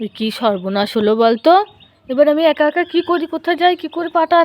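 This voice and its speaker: A woman's voice: high-pitched, animated, a little fast, darkish tone. A woman vlogging at home, coaxing and playfully talking to a small child in a sing-song way. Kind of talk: casual home vlog talk to a small child.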